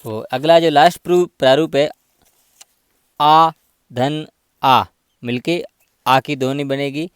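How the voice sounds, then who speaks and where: A man's voice: on the high side, slow, long pauses, smooth, no echo, clean studio sound. A man teaching a grammar lesson, patiently spelling out examples one by one.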